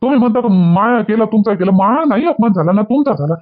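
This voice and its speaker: A man's voice: high voice, animated, fast talker. A coaxing father-in-law. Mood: placating. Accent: Varhadi Marathi. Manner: soothing, coaxing. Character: placating middle-aged father-in-law. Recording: dull lo-fi sound.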